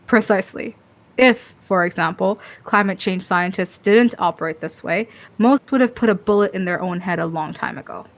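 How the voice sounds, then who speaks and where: A woman's voice: mid-range voice, normal speed, lightly acted. A woman reading game dialogue as a haughty, dismissive senior vampire, cool and condescending.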